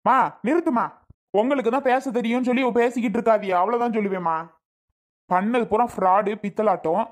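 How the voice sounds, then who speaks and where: A woman's voice: on the high side, fairly quick, lightly acted. A woman voicing a grown son in a cartoon, blunt and exasperated. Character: grown son, impatient and dismissive. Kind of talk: animated cartoon voice acting.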